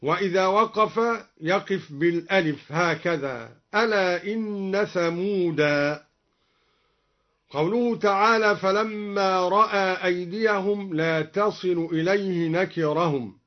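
High-pitched guy teaching recitation, talks slow, chants verses, kinda muffled lo-fi audio. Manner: explains variant readings, chants verses slowly and melodically.

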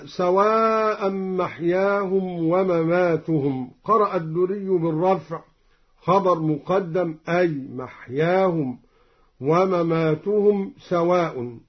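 A man teaching the readings of sacred verses, explaining each point in a measured voice and then chanting the verse melodically. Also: sits high, slightly rough. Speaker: Quran recitation teacher. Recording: dull lo-fi recording.

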